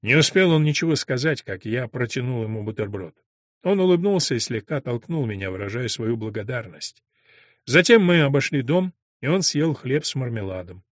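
A man of middling pitch reads a first-person story aloud at an even pace. His voice rises slightly for the characters' lines. The recording is dry and close, with no room sound. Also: moderate pace, no echo. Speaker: audiobook narrator. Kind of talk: scripted narration.

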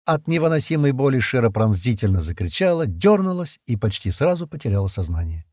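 A man narrating an audiobook in an expressive, dramatic storytelling manner. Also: medium pitch, fairly quick, no room sound, studio quality. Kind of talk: scripted narration.

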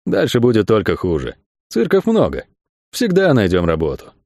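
A man's voice: fairly low pitch, wildly swooping pitch, moderate pace, creaky, a little mellow, no echo, clean studio sound, heavily acted. A man voicing a worried, insistent stage magician eager to move on. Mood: wary. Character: wary, hasty male stage magician.

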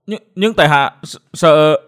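Hot-headed, not too bright young martial-arts disciple from a storybook, loud, stammers when flustered, pitched up and swinging wide, as a man reads him. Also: expressive, fast, lightly acted. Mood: agitated. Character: blunt simple-minded young male martial disciple.

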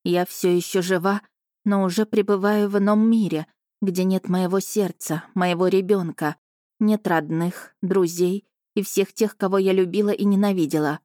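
Woman narrator for a first-person audiobook, lowish voice, dry. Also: a little mellow, dry recording. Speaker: audiobook reader.

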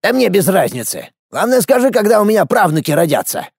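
A man voicing a grumpy, sharp-tongued old grandfather mage in an audiobook, with a mocking, scolding drawl. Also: sits high, big pitch swings, fairly quick, husky, dry recording, studio quality, voice pushed up, exaggerated voice.

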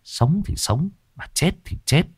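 A man narrating a dramatic village story in an expressive storytelling style. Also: fairly high pitch, a little slow, breathy edge, no room sound, clean studio sound.

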